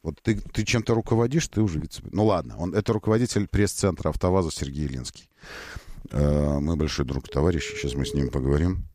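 A man's voice: a bass voice, a little fast, dark tone, no echo, clean studio sound. A man hosting a casual radio talk show, joking and ironic as he chats with his co-host. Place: radio studio.

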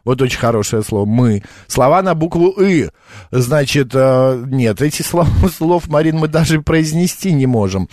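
Radio guy goofing around with his cohost, kinda higher voice, dead dry studio mic, keeps tripping over words. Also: animated, normal speed, a little mellow, no echo. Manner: jokey, teasing, trails off in restarts. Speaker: radio co-host. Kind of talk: playful radio chat.

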